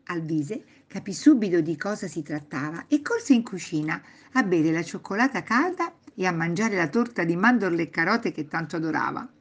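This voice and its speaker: Expressive woman reading a children's story. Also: lowish voice, normal speed, few pauses. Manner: expressive, sing-song storytelling.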